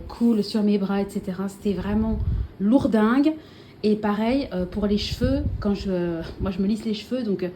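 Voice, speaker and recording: A woman's voice: mid-range voice, dark tone, slight background noise. A woman chatting casually to camera as a vlogger, showing her purchases at home, full of fillers and self-corrections.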